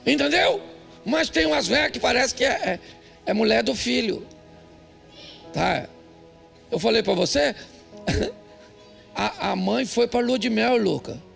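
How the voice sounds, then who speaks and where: An older male pastor with a Brazilian Portuguese accent, preaching a humorous sermon with jokey, emphatic storytelling and sudden high outbursts. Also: sing-song, measured pace, vocal fry, long pauses, a bit bright. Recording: faint music behind.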